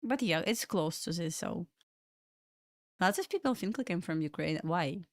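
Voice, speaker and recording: This lowish, animated female voice moves at a moderate pace, recorded dry at studio quality. The speaker, a young adult from Belarus with a Russian accent, hosts a trading livestream from her Florida home. She rambles chattily, answering viewer questions in between market comments.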